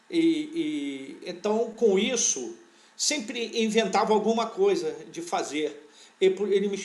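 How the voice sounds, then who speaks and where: An older man, born in Portugal and raised in Brazil, recalls his past as an interview guest; he is a professor of veterinary parasitology. His fairly high-pitched voice carries an unhurried, rambling, conversational story, and he often stops to restart his sentences.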